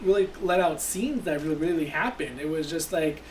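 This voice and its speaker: Male film reviewer, casual podcast chat, a touch high, off-mic with light hiss. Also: fairly quick. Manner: rambling, many fillers and restarts. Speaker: movie reviewer. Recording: distant mic with faint noise.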